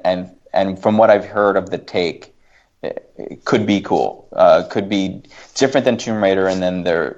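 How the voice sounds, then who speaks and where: On a casual film podcast, a male guest pushes his opinions with emphasis and repeated words. His voice is low and darkish, captured on a dull, lo-fi track.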